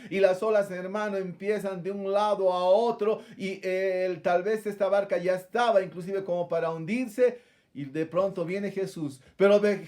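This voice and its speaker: High-voiced man preaching a sermon. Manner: addresses listeners as brother, rhetorical questions.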